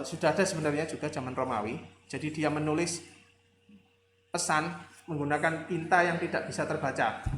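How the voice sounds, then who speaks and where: A male lecturer giving a conversational classroom lecture, rambling with fillers and rhetorical questions, with a slight tinge. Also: fairly high pitch. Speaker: university lecturer. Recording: echoey room with faint ambient noise.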